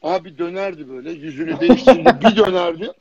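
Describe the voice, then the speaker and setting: A man's voice: high voice, sing-song, fast talker, vocal fry, a crowd in the background. A man who grew up in Germany, a fitness jury member, chatting casually as a livestream guest, telling stories animatedly with blunt slang and lots of repetition. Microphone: phone or computer on a live video stream. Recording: dull lo-fi livestream audio.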